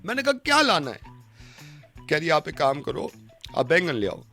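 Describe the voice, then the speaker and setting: Radio host putting on an aggrieved husband caller. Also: male voice, a little high, huge pitch swings, moderate pace, bright, forceful tone, soft background music, exaggerated voice. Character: aggrieved husband caller, touchy, quick to take offence. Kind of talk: radio prank call.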